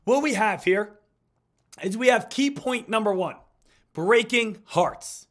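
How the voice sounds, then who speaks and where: Hoarse, high-pitched hype man with smoker's rasp. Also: expressive, slow, a bit bright. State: hoarse, recovering from illness. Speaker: live stream stock trading host. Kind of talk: hyped live stream market commentary.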